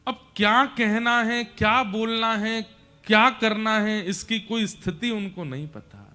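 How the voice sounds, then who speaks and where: A man's voice: sits high, measured pace, bright, forceful tone. A man narrating a devotional story in an emotive, dramatic way. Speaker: religious storyteller. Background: faint music.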